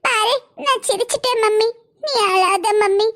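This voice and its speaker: A whiny little cartoon kid. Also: female voice, extremely high pitch, measured pace, fairly bright tone, pitched above the performer's own voice. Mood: coaxing. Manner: whining, pleading. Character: small child, whiny and tearful. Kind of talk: cartoon voice acting.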